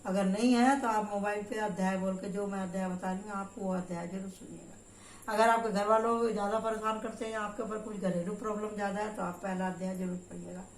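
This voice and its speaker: An older woman reads tarot cards and tells spiritual stories in a loud, emphatic, lecturing voice. Her pitch sits in the middle of the usual range for a woman. She is recorded in a roomy space with a clear echo. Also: steady tone, fairly quick, far from the mic, a little hiss or hum. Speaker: tarot reader. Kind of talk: spiritual tarot reading with storytelling. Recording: roomy echoey room.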